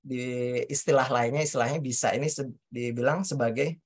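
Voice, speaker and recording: A woman's voice: a bass voice, fairly even intonation, fairly quick, husky. A woman presents a coaching workshop, speaking directly to the audience and acting out example questions, with some hesitant restarts. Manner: hesitant restarts while explaining. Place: talk venue before an audience.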